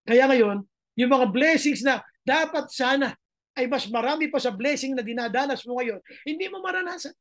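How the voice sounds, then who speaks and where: Woman pastor, high voice, emphatic sermon, repeats phrases. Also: animated, normal speed. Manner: mixes Tagalog and English, emphatic, repeats phrases.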